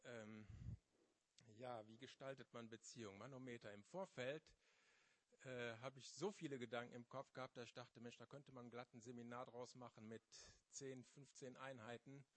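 Man in his fifties preaching, halting. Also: medium pitch, fairly even intonation. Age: 50s. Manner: halting, searching for words, then rising with fervor. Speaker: lay preacher. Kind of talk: sermon testimony.

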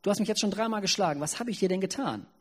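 A man's voice: sits high, animated, very fast, husky, voice pushed up. A man voicing a loyal female donkey who plaintively asks why she was beaten. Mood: hurt. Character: meek talking female donkey, loyal and hurt. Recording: long hall reverb.

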